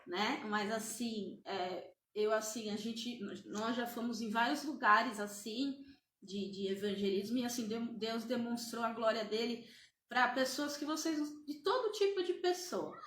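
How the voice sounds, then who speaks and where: A woman's voice: fairly high pitch, measured pace, a bit bright, roomy sound, slight background noise. A woman evangelist giving a church testimony, hesitant and full of fillers and restarts.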